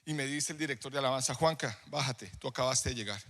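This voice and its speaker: A man preaching a sermon, telling a personal story in a conversational way that builds into loud, emphatic preaching. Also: mid-range voice, fast. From Colombia. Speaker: pastor. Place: church hall. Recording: live sermon in a reverberant hall.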